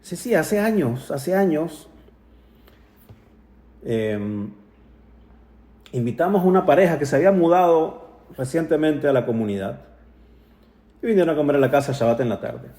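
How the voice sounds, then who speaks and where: A man giving a Torah talk as a lively story. He acts out the people in it, slips into English phrases and Hebrew terms, and closes with toasts. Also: on the high side, moderate pace, long pauses. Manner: ends with toasts. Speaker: Torah speaker. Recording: roomy echo.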